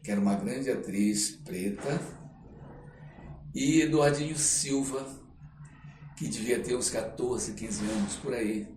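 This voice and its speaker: An older man with a Brazilian accent, a podcast guest who works as a theatre artist and writer, tells anecdotes in casual conversation, his mid-range voice slow, a little mellow and full of pauses. He animatedly acts out quoted dialogue and checks in often with short tag questions. The audio has roomy echo, a distant mic and faint noise.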